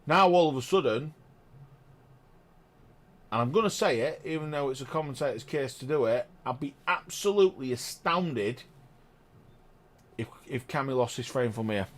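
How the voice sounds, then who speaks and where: An excitable man, doing chatty live commentary on a pool match and exclaiming loudly at big shots. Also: medium pitch, normal speed, pauses often. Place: pool lounge.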